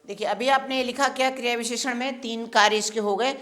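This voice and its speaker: A woman teaching a grammar lesson, dictating notes slowly and repeating each phrase so students can write it down. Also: on the high side, fairly even intonation, a bit bright. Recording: echoey room.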